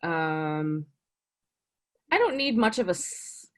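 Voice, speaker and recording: A woman talking as a casting director in a casual interview, chatty and animated, full of "you know" and "like". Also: slow pace. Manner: lively, swings up in pitch for emphasis.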